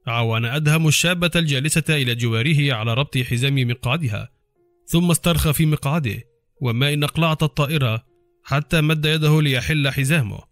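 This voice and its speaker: Male audiobook narrator, measured and steady; dry studio sound with soft music bed. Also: mid-range voice, no echo. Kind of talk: scripted novel narration.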